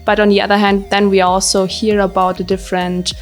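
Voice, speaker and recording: A young woman from Germany speaks in a measured, explanatory way and corrects herself as she goes. She sounds a little distant from the mic, with faint music underneath. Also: medium pitch, little pitch movement. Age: young adult. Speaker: interview guest, researcher. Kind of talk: casual interview answers.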